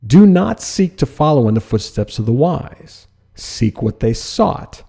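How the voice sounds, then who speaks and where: A man's voice: medium pitch, big pitch swings, measured pace, gravelly, mellow, breathy edge. A man teaching design in a direct lecture style, asking rhetorical questions and using mild sarcasm. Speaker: design instructor.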